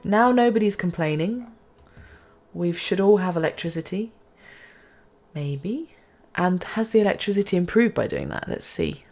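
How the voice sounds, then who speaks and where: A woman's voice: on the low side, animated, normal speed, darkish tone. A woman giving casual, self-mocking commentary as she plays a city-building game, chatting to herself and the game.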